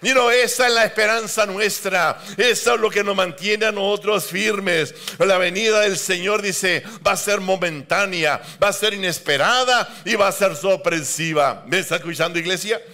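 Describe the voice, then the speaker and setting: Bright high-voiced male pastor preaching. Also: normal speed, few pauses. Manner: preaching with repeated calls to the church; rhythmic repeated contrasts. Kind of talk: sermon.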